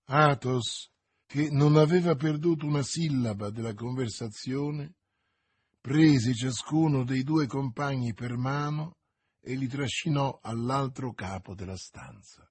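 A man narrating a novel as an audiobook, in a steady storytelling manner. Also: medium pitch, a little slow, husky, no echo.

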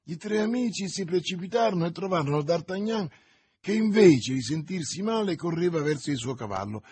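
A man narrating an adventure novel as an audiobook. His voice is husky and sits a little high for a man, and he reads steadily and expressively. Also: lively intonation, brisk, darkish tone. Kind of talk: audiobook reading.

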